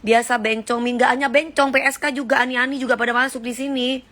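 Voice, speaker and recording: A woman's voice: sits high, steady tone, a little fast, a bit bright. A woman hosting a casual live stream, chatty and teasing, scolding viewers and singing short snippets. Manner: sings short snippets mid-talk. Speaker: livestream host.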